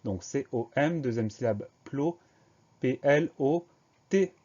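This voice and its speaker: A man gives a spelling lesson for young pupils, breaking each word into syllables and spelling it letter by letter. His voice sits in a middle pitch with a mellow, relaxed tone. The recording sounds a little muffled and lo-fi. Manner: slow, careful letter-by-letter dictation. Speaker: teacher.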